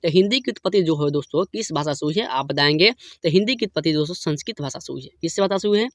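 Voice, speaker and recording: A man's voice: on the high side, animated, quick pace, dry recording, clean studio sound. A man teaching an exam-prep grammar lesson, asking each question, repeating answers and addressing viewers as friends.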